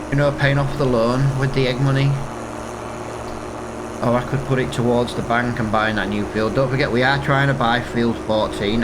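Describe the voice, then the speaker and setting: Against a noisy background, a lowish-voiced man who sounds sniffly and congested gives casual let's-play commentary on a farming game, thinking aloud with many fillers as the channel's host.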